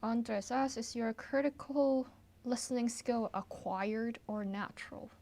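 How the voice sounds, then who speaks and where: A woman from Hong Kong, a pianist hosting a relaxed livestream Q&A from her apartment, who chats easily and trails off with ums and soft laughs. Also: a little high, unhurried, creaky. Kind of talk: casual livestream Q&A chat. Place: her apartment, at home with her piano.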